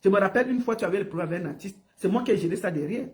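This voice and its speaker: A woman's voice: medium pitch, expressive, rapid-fire, darkish tone. A woman ranting on a livestream, mocking and scolding someone with lots of repetition. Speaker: online personality. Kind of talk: livestream rant.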